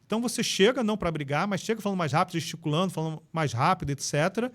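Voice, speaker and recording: A Brazilian man explaining ideas in an animated, instructive way as a guest on a casual podcast. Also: sits high, rapid-fire. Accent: Brazilian Portuguese. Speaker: podcast guest, NLP trainer.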